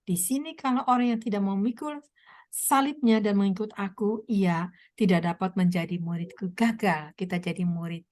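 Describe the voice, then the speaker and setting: A woman evangelist preaching a sermon with a hoarse voice, telling stories and asking the listeners many rhetorical questions. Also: mid-range voice, normal speed. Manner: animated storytelling, frequent rhetorical questions. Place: online meeting.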